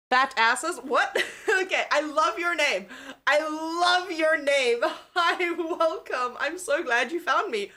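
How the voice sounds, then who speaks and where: Tired but giggly, a young livestream host from South Africa chats casually with her viewers in a mixed South African accent and curses freely. Her voice sits high, sounding pushed and bright.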